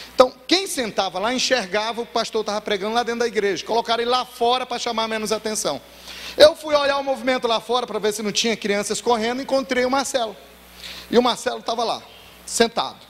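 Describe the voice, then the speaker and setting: A male pastor preaching in a church hall, telling a story and acting out the dialogue. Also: extremely high pitch. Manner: animated, acts out dialogue. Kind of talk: sermon storytelling. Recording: echoey church hall, faint noise.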